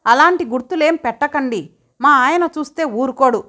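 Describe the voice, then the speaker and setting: A woman voicing a young wife who is playful, teasing and quick to anger, in an expressive, lilting reading. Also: high voice, pitched above the performer's own voice. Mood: indignant.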